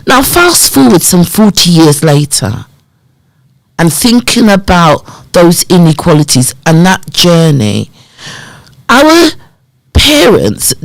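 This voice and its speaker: A woman in her 50s, a community development worker, appears as a podcast guest telling her life story and acting out remembered conversations. She is an animated storyteller with a lowish voice. The recording is rough but has no echo.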